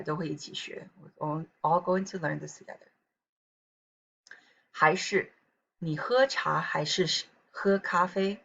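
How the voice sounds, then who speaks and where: In a recorded pronunciation lesson, a female Chinese teacher with a southern Taiwanese Mandarin accent reads practice sentences in a low, husky voice, slowly and evenly. She pauses now and then for relaxed comments to her students, and the lo-fi audio sounds dull.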